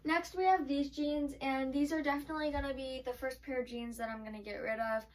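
A chatty woman vlogger talking through a clothing try-on, her speech full of "like" fillers. Her voice sits fairly high, and she is heard from a little way off the mic. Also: fairly even intonation, fairly quick, far from the mic, rough recording. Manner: chatty, filler-heavy with frequent "like". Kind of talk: casual try-on haul chat. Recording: voice from away from the mic.

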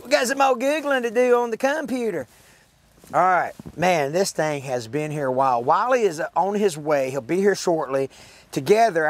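A man hosting a casual outdoor video, folksy and excitable, laughing often as he talks. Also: high-pitched. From Florida. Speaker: host. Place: outdoors in woods.

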